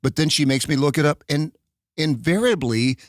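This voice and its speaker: A middle-aged man hosting a radio show, chatting casually, animated and quick to laugh, often restarting his sentences. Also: a little high, no echo, studio quality. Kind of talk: casual chat.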